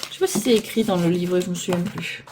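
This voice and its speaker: A woman's voice: on the low side, fast, background noise. A woman casually presenting tarot decks, rambling and stopping aloud to search for names, filmed on a phone held by a holder arm. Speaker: tarot deck reviewer.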